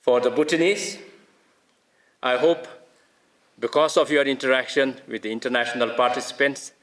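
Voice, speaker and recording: A man delivers an earnest formal welcome speech as host of a conference. His voice sits at an ordinary middle pitch. The sound bounces around an echoey conference hall. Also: fairly even intonation, moderate pace, fairly bright tone.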